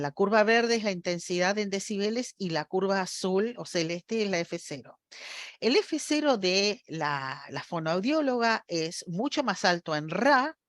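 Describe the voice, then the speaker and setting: A woman's voice: mid-range voice, no room sound, studio quality. A woman gives a university lecture, explaining step by step and often checking that her audience follows. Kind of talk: academic lecture.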